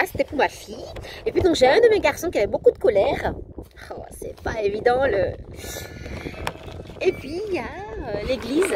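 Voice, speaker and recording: A woman's voice: medium pitch, background noise. A woman in her thirties, a parenting coach, talking casually and animatedly to the camera. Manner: animated, acts out her children's voices.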